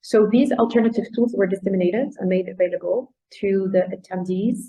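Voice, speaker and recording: Here a project presenter speaks in a mellow, mid-range voice, a little fast, during an informal webinar, often hesitant and groping for words. The webinar sound is dull and lo-fi.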